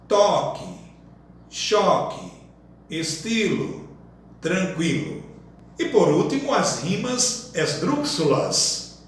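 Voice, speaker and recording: A man giving a slow lesson, listing example words one by one and explaining each. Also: high voice, fairly bright tone. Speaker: workshop teacher. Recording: echoey room from far off, faint noise.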